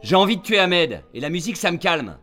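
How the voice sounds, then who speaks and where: An actor playing an irascible, sarcastic, foul-mouthed agent barking orders over the phone in a radio drama. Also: male voice, high voice, very animated, quick pace, over music. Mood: sarcastic, exasperated. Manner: sarcastic, bullying, blunt. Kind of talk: radio drama acting, phone-call monologue.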